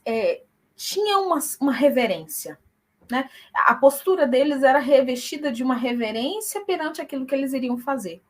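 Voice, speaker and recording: Young woman guest, earnest conversational tone, tag questions, high bright voice. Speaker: guest, church singer. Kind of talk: conversational interview.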